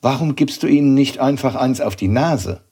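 A grumpy old bookseller in a storybook reading, growling and scolding in a raised, gruff voice, as a male narrator puts him on. He questions and needles, brusque and unimpressed. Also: mid-range voice, normal speed, dark tone, pitched above the performer's own voice. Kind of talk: audiobook reading.

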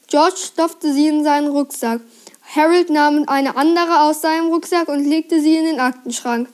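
A woman presenting and reading a children's book aloud, in a lively storybook manner. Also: sits high, moderate pace.

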